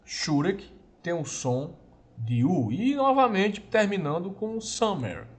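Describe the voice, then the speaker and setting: A man teaching a lesson, explaining slowly and patiently and often checking in with his listeners. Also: high-pitched, very animated. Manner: slow, patient explaining, often adds "né?" and "irmãos". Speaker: Hebrew teacher. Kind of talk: recorded online lesson.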